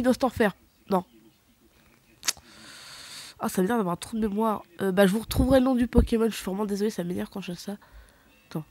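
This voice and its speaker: A woman's voice: mid-range voice, a little mellow, no echo. Hesitant young-sounding French woman rambling. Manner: rambling, hesitant, many fillers and self-corrections. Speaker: gaming vlogger. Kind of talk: casual chat showing game collection.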